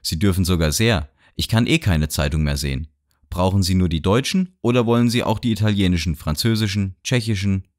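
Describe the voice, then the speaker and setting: A man voicing a talkative middle-aged gentleman on a train who rambles and lectures cheerfully. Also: deep voice, brisk, lightly acted. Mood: boastful. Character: chatty middle-aged gentleman traveler, boastful and nosy. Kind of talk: audiobook character voice. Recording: dry studio sound.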